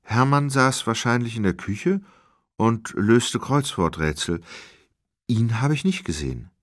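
Reading an audiobook, a man voices a frightened woman of about sixty who answers hesitantly, shaken and anxious. He pitches his natural-sounding voice above his own, keeping a medium pitch with lively intonation and an unhurried pace. The sound is clean studio quality with no room sound.

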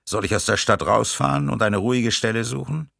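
A man reading an audiobook, voicing a stocky, middle-aged male henchman who speaks tersely and quietly. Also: medium pitch, a little fast, gravelly, no room sound, clean studio sound, voice pushed up.

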